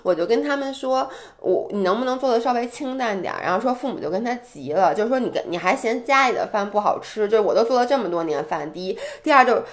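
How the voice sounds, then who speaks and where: A young woman with a fairly high voice chats casually on a podcast. Her pitch jumps around a lot as she tells stories. She slips into quoting her family in a raised, animated voice. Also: quick pace, hardly any pauses. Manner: animated storytelling, acts out quoted parents with a raised voice. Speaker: podcast co-host. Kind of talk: casual chat.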